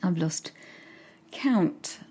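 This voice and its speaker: A woman writer with a regional British accent, musing softly about her draft and often dropping into a whisper. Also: lowish voice, expressive, very slow, husky. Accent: regional British, drops consonants. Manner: soft-spoken, often drops to a whisper, musing. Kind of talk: casual reflective talk to camera.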